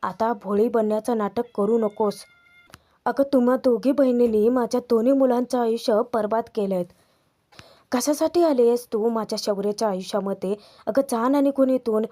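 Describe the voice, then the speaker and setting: A woman's voice: a little high, moderate pace, close to an everyday voice. A woman reading a scolding, spiteful mother-in-law. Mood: scornful. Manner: scolding, accusing, rising to shouting. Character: angry domineering middle-aged mother-in-law.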